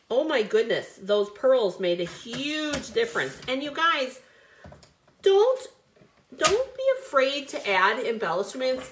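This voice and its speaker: A woman hosting a live card-making stream, chatty and bubbly, greeting viewers by name as she works. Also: medium pitch. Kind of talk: live crafting stream chat.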